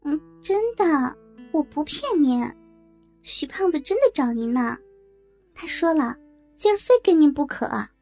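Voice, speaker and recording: A woman's voice: high voice, animated, a little slow, long pauses, warm tone, faint music behind, voice pushed up. A woman voicing a cheeky young nightclub worker who teases her boss in a playful way. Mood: teasing.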